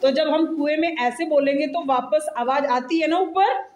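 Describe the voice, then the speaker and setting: Woman reading a children's fable, high voice, gentle quizzing, echoey room. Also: normal speed, background noise. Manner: asks the child questions, gentle and explaining. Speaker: storyteller to a child. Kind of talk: storytelling to a child.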